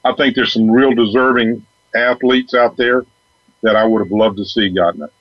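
A man's voice: medium pitch, fairly even intonation, moderate pace, dry recording. Hesitant man on dull, lo-fi audio. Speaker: sports talk co-host, called coach. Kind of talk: casual sports talk chat.

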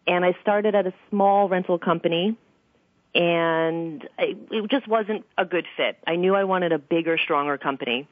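A woman's voice: low voice, no echo. A middle-aged woman, speaking conversationally as a guest in a radio interview. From Queens, New York City. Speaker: real estate broker, interview guest. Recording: muffled phone-like radio line.

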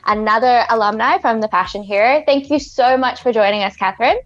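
A woman's voice: a little high, brisk. A woman hosting a radio interview in an effusive, conversational way. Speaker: radio show host, interviewer. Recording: slightly dull, band-limited audio.

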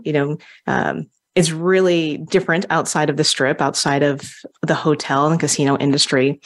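A woman from Hawaii, a guest speaker, telling her story in an interview with frequent fillers and laughs. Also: low-pitched. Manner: warm storytelling, laughs often, many fillers. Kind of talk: conversational interview.

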